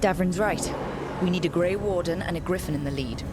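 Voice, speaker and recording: In a video game cutscene, an actress voices a decisive female hero and team leader who gives her team direct commands. Her lowish, natural voice is a little fast, and the game audio, with music, is very noisy.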